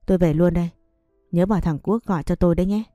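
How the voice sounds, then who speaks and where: A woman doing a scolding mother-in-law in an audio story, sharp and reproachful, dark mellow voice. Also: on the low side, quick pace, no echo, lo-fi sound, faint music behind, natural voice.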